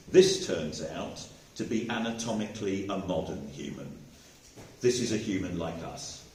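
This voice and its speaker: A man's voice: medium pitch, background noise. A man acting as a tour guide, explaining things to visitors underground in a cave, heard with a cave echo. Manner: lively, explanatory, addresses the group directly. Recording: echoey cave from far off with faint ambience.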